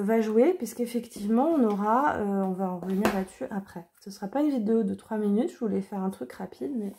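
Femme hésitante, voix feutrée. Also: female voice, medium pitch, mellow. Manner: hesitant, many fillers and restarts. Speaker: card reader and deck reviewer. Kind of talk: casual chat.

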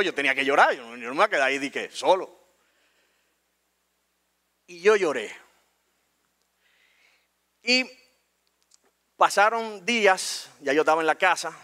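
Animated Dominican man telling a story. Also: fairly high pitch. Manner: animated, colloquial, acts out scenes. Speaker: speaker. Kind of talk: storytelling stage talk. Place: stage in a talk venue.

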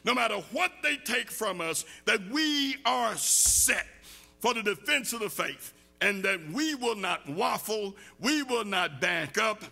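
Preaching from a church pulpit into a pulpit mic, an older man builds force through repeated, rising calls and questions with forceful, emphatic repetition. His voice is extremely high-pitched and creaky.

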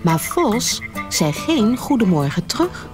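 A woman reading a children's storybook aloud, slow, gentle and expressive. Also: mid-range voice, over music.

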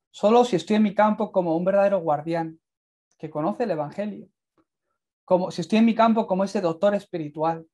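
A young adult man with a Castilian Spanish accent preaches an earnest, fervent sermon and closing prayer to a camera, his high-pitched, darkish voice building to emphatic peaks. He stands indoors before a plain light wall.

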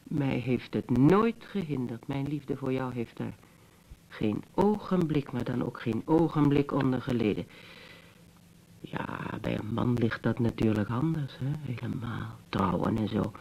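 An actor playing a bitter, teasing brother who muses to his sister in a slow, mocking monologue, in old radio drama style. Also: medium pitch, creaky, a little mellow, breathy edge, poor audio. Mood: musing. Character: wry, bitter adult brother, teasing yet tender. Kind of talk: 1970s Dutch radio drama acting.

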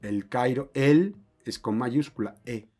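Slow-talking man teaching Spanish. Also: medium pitch, a little mellow. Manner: explains slowly, checks with "ok?". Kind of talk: online language lesson.

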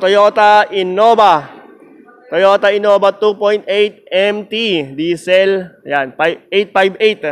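A man's voice: high-pitched, smooth. A man with a Filipino accent vlogging a casual walk-through of a used car lot, joking and chatty, with a sore throat. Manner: joking, chatty, laughs often.

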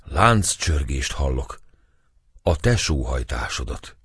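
An eerie old fortune-teller woman, as a male narrator puts her on chants her prophecies in a husky, lifted voice. The reading is dry and close, straight from an audiobook. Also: rumbling low, sing-song, no echo, exaggerated voice. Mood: ominous prophecy.

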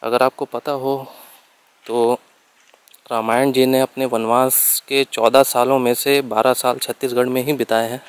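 A man's voice: medium pitch, flat delivery, a little slow, clean tone, dry recording. A young man, a travel vlogger walking outdoors through a temple site and talking to his viewers, mixing in English words. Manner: friendly, addresses viewers as friends, mixes English words. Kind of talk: travel vlog narration. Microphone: handheld camera mic.

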